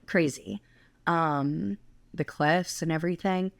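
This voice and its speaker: A woman's voice: deep voice, takes it slowly, vocal fry, no echo. A young woman co-hosting a podcast, telling a travel story in a chatty way full of fillers. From United States. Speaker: podcast co-host.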